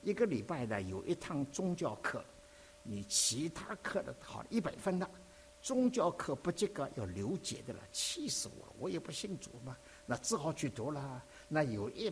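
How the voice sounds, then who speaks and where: A man from preaching a sermon, telling his own story in an animated, conversational way. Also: fairly high pitch, a little hiss or hum. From Dinghai, Zhejiang, China. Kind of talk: sermon with personal testimony.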